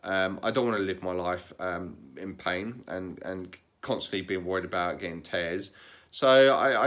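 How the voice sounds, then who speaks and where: A man talking in a casual, candid vlog, calm and matter-of-fact, often repeating words and restarting sentences. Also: fairly low pitch. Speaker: vlogger.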